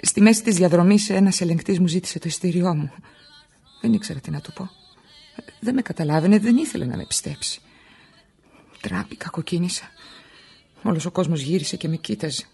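Radio drama: a worn-out, scared wife far from home, raspy and gravelly, confessing her fears. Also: on the low side, pauses often, mellow, heavily acted. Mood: distressed. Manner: emotional, confessional monologue. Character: frightened, exhausted wife, an immigrant feeling alone. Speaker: wife of an injured worker.

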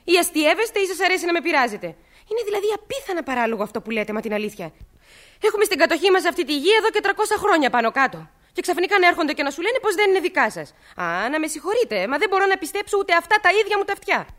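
A woman's voice: very high-pitched, sing-song, fairly bright tone, heavily acted. A woman playing a stubborn young landowner's daughter who argues indignantly and sarcastically. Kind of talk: stage play acting.

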